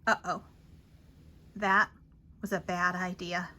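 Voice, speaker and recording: A woman with a lowish voice reads children's picture books aloud as a storyteller. Her delivery is theatrical and expressive, full of dramatic pauses and emphasis.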